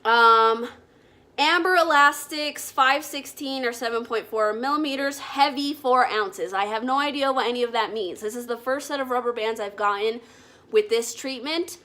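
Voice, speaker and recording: A woman with a fairly high, very bright and forceful voice talks casually to her viewers. She explains in an informal, conversational vlogging style, demonstrating as she goes. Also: normal speed.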